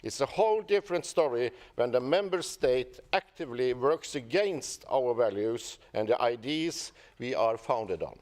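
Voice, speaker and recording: A man speaking as a parliamentarian, reading a measured, formal statement to an assembly. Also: mid-range voice, expressive, a little mellow. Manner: measured, reads a prepared statement.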